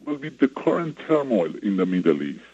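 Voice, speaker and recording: A man from Iran, a radio show guest whose voice runs through a voice changer to hide who he is, giving a steady report-like briefing. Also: fairly low pitch, brisk, husky. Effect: voice changer disguising his voice. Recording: dull lo-fi radio broadcast.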